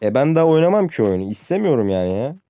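A young male gaming YouTuber rants at length to his viewers about weak weapons and lost matches, calling them friends and saying "abi" often. His medium-pitched voice swings widely in pitch, comes out rapid-fire, and has a dark tone. The recording is studio quality with no echo.

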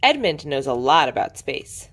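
A woman preschool teacher reading a picture book aloud to young children in an expressive, sing-song way. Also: low voice, normal speed, slightly rough. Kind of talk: storybook read-aloud.

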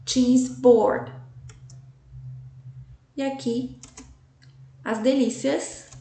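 A woman's voice: fairly high pitch, steady tone, gravelly, warm tone, slight background noise. A woman teaching English vocabulary to Portuguese speakers, enunciating each word carefully and checking in with her students often. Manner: slow, careful enunciation with repeated examples. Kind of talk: slide-based language lesson. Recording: echoey room, voice from a distance.

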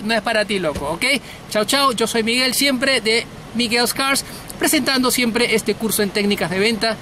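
Sitting high with a sharp tone, this middle-aged man's voice comes through with a little hiss or hum. Filming from his car, the sales trainer and host delivers a casual sales lesson to camera, blunt and emphatic, repeating words to drive points home.

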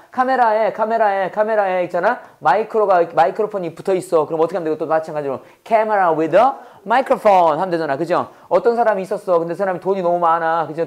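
A man teaching an English lesson in casual classroom style. He keeps asking questions and answering them himself, and he reads English phrases slowly and deliberately. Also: high voice.

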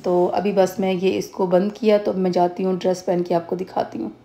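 Mellow-voiced woman chatting on a home vlog. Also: fairly low pitch, level tone, normal speed. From Pakistan. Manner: chatty and rambling, with many fillers and restarts. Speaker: vlogger. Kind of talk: casual home vlog chat. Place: home, indoors. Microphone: phone camera held close.

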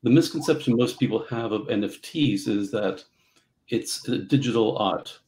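A middle-aged man from Central Africa, telling his story as a guest on a video call, halting with many fillers. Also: medium pitch, darkish tone, low-quality recording. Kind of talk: casual interview storytelling. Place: home office.

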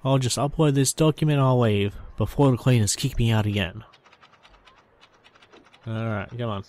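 A man's voice: medium pitch, moderate pace, darkish tone. A man giving casual, rambling gameplay commentary and reading on-screen text aloud. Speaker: gameplay reviewer.

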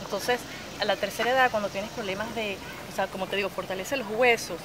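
This yoga instructor, a woman in her thirties from Chile, has a Venezuelan Spanish accent and talks fast in a steady, medium-pitched voice. Interviewed outside by a lake in a park, she speaks animatedly with her hands and keeps restarting her sentences, while outdoor noise sits behind her voice.

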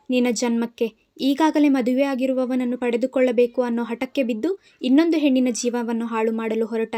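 A woman's voice: on the high side, warm tone, natural voice. A woman voicing a scornful young husband. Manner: harsh, scolding.

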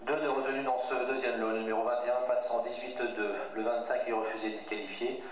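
A man making formal, measured announcements over a venue loudspeaker at a competition, repeating names and results. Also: medium pitch, steady tone, noisy background. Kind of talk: public-address announcements. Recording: echoey loudspeaker from far off, crowd.

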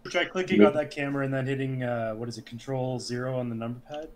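A man with a mid-range voice chats casually and drops wisecracks. Other voices are clearly audible behind him. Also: medium pitch, quick pace, a crowd in the background. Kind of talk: casual chat.

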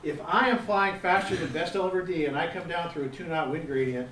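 A man's voice: fairly high pitch, a little fast, a bit bright. Middle-aged male instructor quizzing a room. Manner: quizzing the audience, emphatic repetition. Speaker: gliding safety instructor. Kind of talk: interactive seminar lecture. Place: seminar room. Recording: echoey room, distant mic, faint background noise.

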